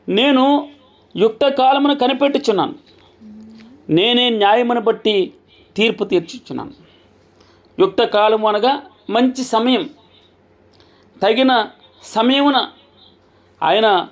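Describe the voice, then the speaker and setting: A man preaches a sermon in a very high voice. He hammers his points home by repeating key phrases and speaks straight to his listeners. The recording sounds dull and lo-fi.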